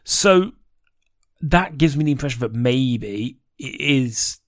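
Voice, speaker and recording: A man's voice: mid-range voice, animated, takes it slowly, dry recording, studio quality. Chatty laughing man. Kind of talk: casual chat.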